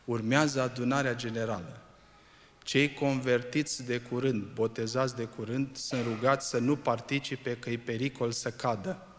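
A man preaching to his congregation, his mid-range voice trailing off into a long hall reverb. He peppers the room with rhetorical questions. His delivery drops to a hush and then climbs to forceful, raised passages. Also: mid-range voice, steady tone, slight background noise. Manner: rhetorical questions to the congregation, swings from hushed to loud. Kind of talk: sermon.

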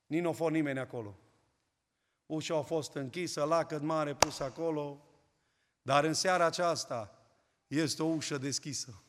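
A man preaching a fervent sermon as a pastor, swinging between loud and hushed passages. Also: medium pitch, in a large hall. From Romania.

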